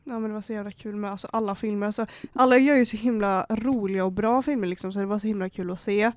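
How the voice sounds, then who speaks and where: A young woman chatting casually as podcast co-host, animated and swearing, acting out what people said. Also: mid-range voice, no echo. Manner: animated, swears and laughs, acts out quotes. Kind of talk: casual chat.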